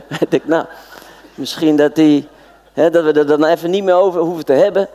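A man from the Netherlands preaching a sermon, telling the Bible story in a lively way and acting out its dialogue. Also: on the high side. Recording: long hall reverb.

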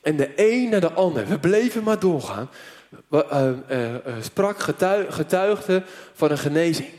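A man preacher telling a story in an animated sermon, full of fillers, before a church audience. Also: a little high, unhurried. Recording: long hall reverb.

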